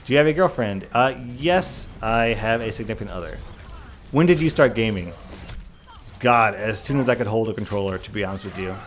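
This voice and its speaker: A man's voice: lowish voice, a little fast, a little hiss or hum. A man talking casually and earnestly in a Q&A gaming vlog, stressing his points with repeated, emphatic phrases. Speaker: YouTube gaming content creator. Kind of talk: casual Q&A vlog talk, reading questions and answering.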